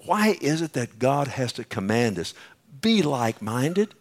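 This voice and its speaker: A pastor preaching a sermon at a pulpit microphone in a church, emphatic, putting questions to the congregation. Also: male voice, medium pitch, big pitch swings, measured pace.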